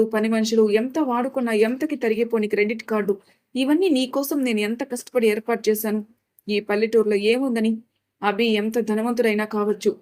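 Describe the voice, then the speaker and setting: A furious middle-aged mother who scolds and lays blame, her words sharp with indignation, as a woman narrator puts her on. She is a storybook figure with a controlling temper. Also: fairly high pitch, close to an everyday voice.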